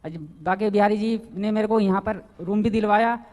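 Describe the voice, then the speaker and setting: Deferential devotee in his thirties, high voice, halting delivery. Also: darkish tone. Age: 30s. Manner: deferential, halting, keeps saying guruji. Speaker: devotee asking a question. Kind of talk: personal question to a spiritual teacher.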